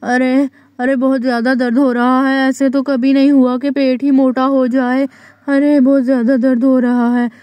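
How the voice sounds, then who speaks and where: A woman's voice: high-pitched, little pitch movement, moderate pace, warm tone, dry recording, close to an everyday voice. A woman voicing a young village husband in a doll story, groaning and pleading over a stomach ache. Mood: pained. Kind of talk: doll story role-play.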